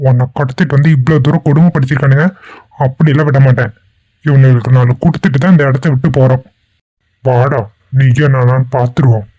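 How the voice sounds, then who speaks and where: A man's voice: medium pitch, fairly even intonation, fast talker, mellow, no room sound, lightly acted. A man voicing a confident young hero who boasts and challenges his enemies, in a cartoon. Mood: defiant. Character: bold young male hero, confident and defiant. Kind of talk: cartoon voice acting.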